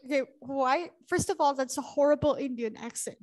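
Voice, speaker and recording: A young woman English teacher chats casually with students during an online class over a video call, laughing often between remarks. Her voice is high and a little fast, with crowd noise in the background.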